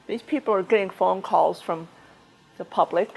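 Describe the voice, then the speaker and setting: A woman speaking to a small club meeting in a restaurant room. Her talk is chatty and conversational, full of restarts and little asides. Her pitch sits in the middle range, and she sounds like she is talking rather than reading. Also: normal speed, vocal fry, a little mellow, husky, poor audio. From United States. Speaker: club member giving a speech. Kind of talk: informal prepared speech at a club meeting.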